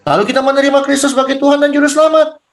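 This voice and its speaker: Man, pastor, Bible study teacher, blunt, colloquial, rhetorical questions, fairly high voice. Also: steady tone, racing.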